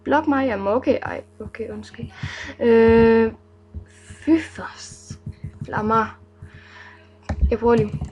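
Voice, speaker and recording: A woman's voice: a little high, steady tone, long pauses, a little mellow, soft background music, poor audio. A young woman vlogging casually, reading out viewers' names with playful, giggly asides.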